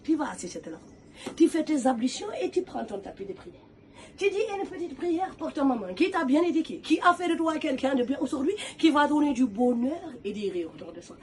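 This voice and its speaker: A woman's voice: high-pitched, animated, a little fast, a little mellow, distant mic. A woman playing a bossy, motherly older Senegalese woman who runs a restaurant and talks bluntly, on a live comedy stage with an audience laughing. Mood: coaxing. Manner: blunt, scolding, calls listener "ma fille".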